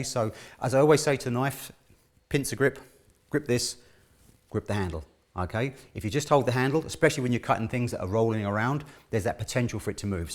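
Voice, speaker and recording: A middle-aged man giving a casual cooking demonstration, chatty and instructional, often checking in with the listener. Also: on the low side. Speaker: chef presenting a cooking lesson. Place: indoor kitchen studio.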